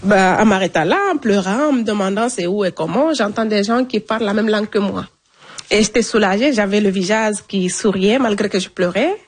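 A woman's voice: medium pitch, a little fast, breathy edge. A young adult woman telling the interviewer her own story in a plain, conversational way, repeating phrases and using spoken fillers. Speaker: interviewee recounting her migration. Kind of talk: personal testimony in conversation.

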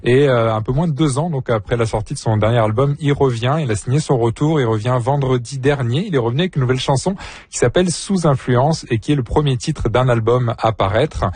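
Man, radio producer, husky voice, measured delivery, dry sound. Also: mid-range voice, darkish tone, no room sound. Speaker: radio producer presenting music. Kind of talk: radio music segment.

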